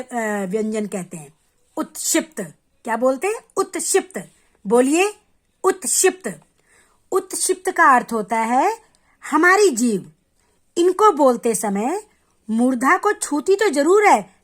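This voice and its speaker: Woman, teacher, fairly high voice, patient, step-by-step lesson for children, sounds out letters clearly. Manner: patient, explains step by step, addresses children directly; repeats sounds slowly and clearly to demonstrate. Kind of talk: children's Hindi grammar lesson.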